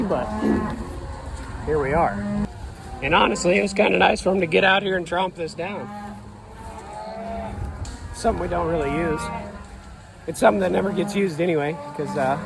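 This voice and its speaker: A hoarse man with a slightly high voice gives easygoing, folksy vlog narration while out with his herd. His delivery is plainspoken and unhurried. Outdoor noise, lowing cattle and machinery sound clearly behind him. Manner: laid-back, folksy and plainspoken. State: hoarse from yelling. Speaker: rancher filming his workday. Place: outdoors on a ranch among cattle.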